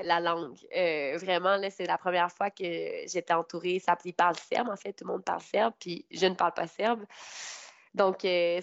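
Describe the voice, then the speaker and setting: A woman's voice: fairly low pitch, dry recording. A young woman from Canada with a Québécois French accent, answering interview questions casually, hesitating with many fillers and laughing often. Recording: dull lo-fi recording.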